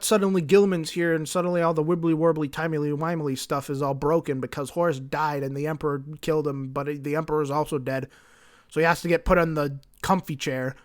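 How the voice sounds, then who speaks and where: A man giving a rambling, flippant comedic summary of a story. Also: a little high. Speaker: lore video creator.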